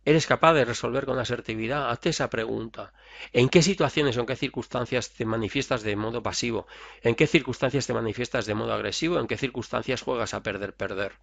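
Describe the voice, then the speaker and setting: A man's voice: medium pitch, fairly quick, gravelly, a bit bright, dry recording. A man teaching a recorded therapy course over slides, talking conversationally and acting out short example dialogues.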